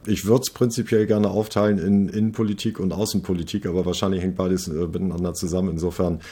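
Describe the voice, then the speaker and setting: Male interviewer, very deep husky voice, dark tone, conversational questions. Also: flat delivery, quick pace. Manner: conversational, thinking aloud with fillers.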